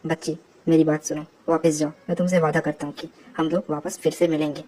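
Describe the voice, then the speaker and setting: A woman voicing a protective adult male fighter, read flatly inside her narration. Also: low-pitched, fairly quick. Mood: calm.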